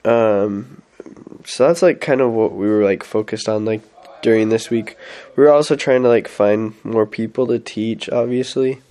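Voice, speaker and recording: A fairly low, warm male voice at a moderate pace belongs to a young man on a mission. He casually recounts his week in an update vlog, stuffed up with a head cold and full of fillers and restarts.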